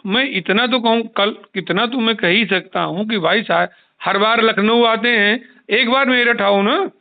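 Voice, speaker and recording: The union leader on this informal call is a man whose high voice has vocal fry and moves at a normal speed. He explains with insistence and repeats himself, and the recording has a tinny phone quality.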